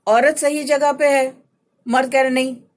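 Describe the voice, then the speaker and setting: A woman hosts a radio advice show and speaks Urdu with a Pakistani accent. Her voice sits somewhat high. She talks casually, builds her points from everyday examples and keeps asking her listener "right?". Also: steady tone. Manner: explains with homely examples and asks "right?". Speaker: radio talk show host and life coach.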